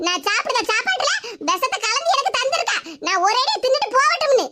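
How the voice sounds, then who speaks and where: A shrill, sky-high cartoon grandmother who schemes and scolds in a broad Tirunelveli accent, voiced by an actor in a sped-up squeaky tone. Loud hiss runs under the recording. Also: big pitch swings, quick pace. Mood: accusing. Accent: Tirunelveli Tamil. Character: scheming elderly mother-in-law, shrill and accusing. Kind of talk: animated village comedy.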